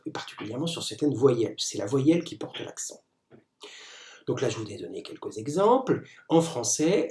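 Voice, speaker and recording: Man, teacher, lecture video, hesitant, didactic, mellow tone, roomy echo. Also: medium pitch. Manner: hesitant, many fillers and restarts; explanatory, didactic.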